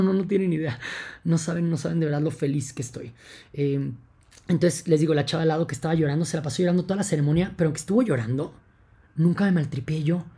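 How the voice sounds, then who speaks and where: A young man with a Mexican accent, talking casually to his podcast listeners in an excited, rambling way with lots of fillers. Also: on the high side, breathy edge. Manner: enthusiastic, rambling, many fillers like "entonces" and "o sea". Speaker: podcast host.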